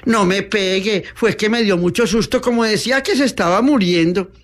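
A man's voice: moderate pace, close to an everyday voice. Man voicing a timid, frightened young woman. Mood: tearful. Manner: pleading, high and tearful.

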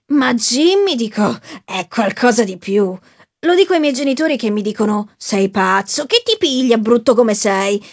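A woman reading the part of a brooding young man who wants to be an actor, in a sulky, bitter voice. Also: a little high. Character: brooding young male would-be actor, resentful. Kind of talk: audiobook reading.

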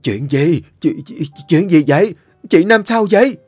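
A man's voice: medium pitch, very animated, a little mellow, no room sound, soft background music, pitched above the performer's own voice. A man voicing a shrewd, suspicious elderly woman. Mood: shocked. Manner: slow, probing, stammering when shocked.

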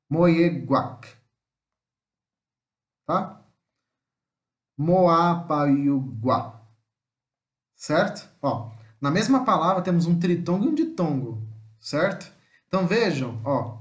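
A Brazilian man teaching an online language lesson, explaining slowly and spelling out and repeating example words. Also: high-pitched, reverberant. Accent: Brazilian Portuguese.

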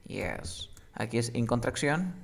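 Coaxing a student through an English lesson, a man drills words slowly with exaggerated English sounds. His mid-range voice is animated, with some vocal fry.

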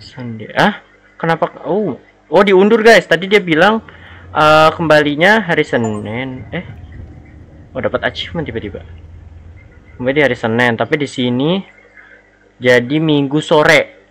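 A man's voice: on the high side, measured pace, pauses often, a bit bright. A man giving nervous, jumpy commentary as he plays a horror game and reads the on-screen text aloud. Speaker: gaming channel host. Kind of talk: horror let's-play commentary.

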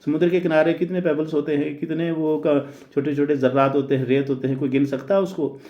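A man teaching in a deliberate lecture, pausing often on "uh" and mixing English phrases into his speech. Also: on the high side, little pitch movement. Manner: deliberate, hesitant with frequent "uh" fillers. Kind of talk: explanatory lecture. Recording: roomy, dull lo-fi recording.

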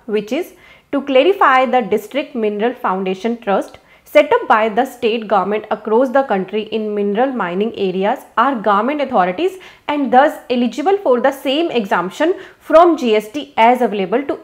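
A woman in her thirties with an Indian English accent teaches tax rules from a small office, speaking into a lapel mic. Her voice sits a little high. She reads the English passages slowly and carefully, then explains them quickly in mixed Hindi and English. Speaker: tax educator.

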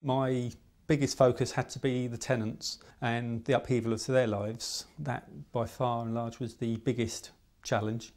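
A middle-aged man with an English accent, giving a measured, explanatory documentary interview indoors about a housing project he managed. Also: medium pitch, level tone, darkish tone.

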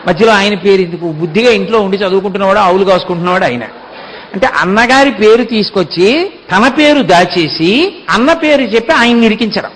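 A man giving a devotional discourse, telling a story with lively delivery and acting out the characters. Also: high-pitched, a little fast, slight background noise, poor audio. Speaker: spiritual discourse speaker.

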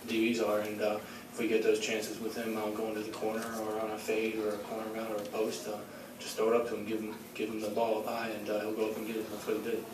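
A young man fields questions after a game, pausing often and filling gaps with ums as he picks apart his own play. His voice sits low and barely moves in pitch. The sound is distant and echoey, with steady room noise behind him. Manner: halting, many fillers, self-critical. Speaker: quarterback at a press conference. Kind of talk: post-game press conference answers. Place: large echoey press room.

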